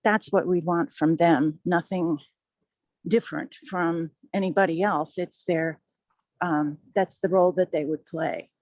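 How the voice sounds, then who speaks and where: A woman judge in a meeting, talking over a phone line in a measured, polite, explanatory way. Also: lowish voice, steady tone, darkish tone, no echo. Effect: heard over a phone line. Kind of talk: meeting discussion.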